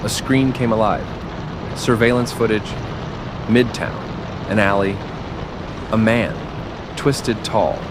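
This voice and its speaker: A man narrating a bedtime story as a brooding, haunted masked superhero, slow, serious and somber. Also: on the low side, background noise, natural voice. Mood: tense, somber. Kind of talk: scripted first-person bedtime story narration. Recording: steady rain and city ambience behind.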